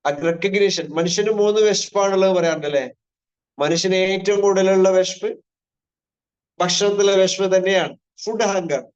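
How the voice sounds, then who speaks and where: High-voiced male parenting trainer, lo-fi. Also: a little mellow. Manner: asks the audience rhetorical questions and repeats key phrases; mixes in English terms. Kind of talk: live online parenting lecture.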